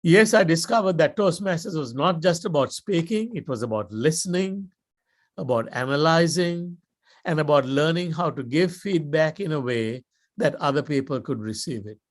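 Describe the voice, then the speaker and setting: An older Sri Lankan man with a Sri Lankan accent gives a motivational speech at a club as a guest speaker. His voice is on the high side with lively intonation, and he tells stories in a measured, deliberate way, using dramatic pauses.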